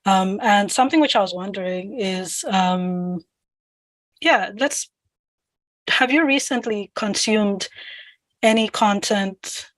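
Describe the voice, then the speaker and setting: A woman's voice: mid-range voice, takes it slowly, pauses often, no room sound, poor audio. A woman from Zambia moderates an online panel in a loose, friendly way, asking questions with plenty of fillers. Her headset gives a dry, close sound with no room. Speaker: moderator, game producer. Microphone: headset on video call.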